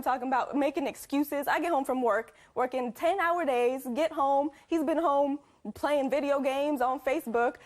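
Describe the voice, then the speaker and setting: A woman litigant giving whiny, exasperated complaints as testimony in a TV courtroom. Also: high-pitched. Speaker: wife, litigant in TV divorce court. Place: TV courtroom studio. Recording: TV courtroom, music and crowd behind.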